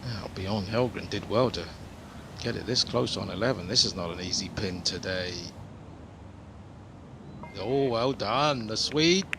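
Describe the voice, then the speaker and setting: A man's voice: on the low side, a little slow, long pauses. A man giving golf commentary as a commentator. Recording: clear outdoor background noise.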